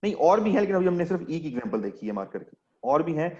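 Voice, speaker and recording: A man's voice: a little high, sing-song, fast talker, a little mellow, dull audio. A man teaching an English class online, explaining step by step and quizzing his students as he goes.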